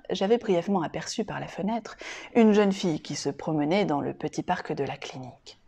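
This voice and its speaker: A woman narrating a first-person short story in an even, quiet way, at times near a whisper. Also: lowish voice, slightly rough.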